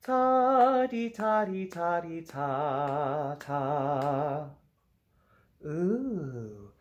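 A man's voice: fairly high pitch, darkish tone. A man teaching an online music lesson to children, playful and upbeat, singing rhythm syllables and sometimes whispering.

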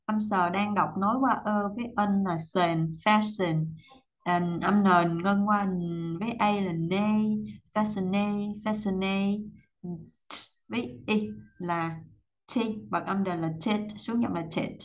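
A woman's voice: mid-range voice, fairly even intonation, poor audio. Woman teaching English pronunciation. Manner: repeats words slowly syllable by syllable, explaining sounds. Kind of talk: language lesson, reading and breaking down English sentences.

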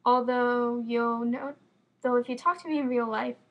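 A teenage girl from Florida, speaking a little high in a steady tone, vlogs as a fan through her computer's built-in webcam mic, and the sound is muffled. She has an American accent and a slight lisp and rambles quickly, peppering her chat with fillers. She's indoors at home in a room with bookshelves.

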